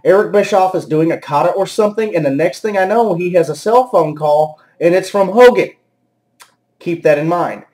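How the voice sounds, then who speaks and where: A man's voice: high-pitched, normal speed, darkish tone. A man reviewing a wrestling show in an angry, profane and sarcastic rant. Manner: exasperated and profane. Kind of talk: angry ranting commentary.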